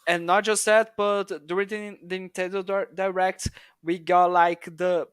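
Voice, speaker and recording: A man's voice: high-pitched, level tone, a little slow, fairly bright tone, clear, resonant tone, no echo, studio quality. A man on a gaming podcast panel, leading the topic and telling it like a story in casual chat. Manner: leads the topic, storytelling with restarts.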